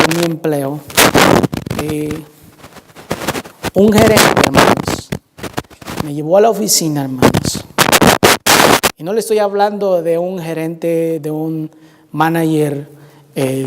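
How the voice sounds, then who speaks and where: A man's voice: fairly high pitch, very noisy. A man preaching a sermon in a church, telling a personal testimony with fervor and repeatedly calling out to the congregation as brothers. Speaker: pastor. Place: church sanctuary. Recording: long reverb of a church hall.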